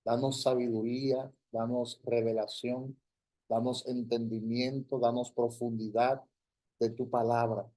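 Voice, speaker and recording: A man leading prayer as a pastor, speaking slowly and solemnly in a flat, steady line. His tone is dark and mellow, and he repeats praise phrases in a measured rhythm. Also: medium pitch. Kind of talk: sermon prayer. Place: church, livestreamed service.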